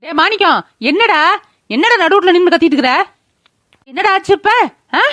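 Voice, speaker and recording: A woman's voice: extremely high pitch, lively intonation, a bit bright, dry recording, dull audio. Scolding old grandmother. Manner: scolding, rapid-fire. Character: scolding old grandmother, sharp-tongued, sides with daughter. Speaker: mother-in-law. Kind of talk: cartoon voice acting.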